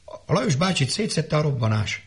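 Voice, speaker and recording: A man's voice: fairly high pitch, gravelly, echoey room. A man voicing a dazed, droning simple son. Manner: flat, repetitive, dazed. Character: simple young man reporting to his mother, dazed.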